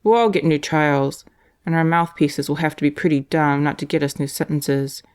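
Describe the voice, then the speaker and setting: A woman's voice: low voice, steady tone, moderate pace, darkish tone, clear, resonant tone, close to an everyday voice. A woman voicing a mocking, scheming male death row inmate who turns ingratiating. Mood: coaxing. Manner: sneering, then ingratiating.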